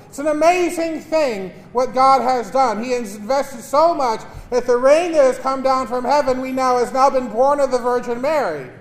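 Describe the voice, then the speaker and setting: A man speaking as a priest at Mass with emphatic, deliberate delivery, his voice echoing in a large church. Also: very high voice, fairly bright tone. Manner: emphatic, deliberate pauses and repetition. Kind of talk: gospel reading and homily. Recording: cathedral-like echo, long church reverb.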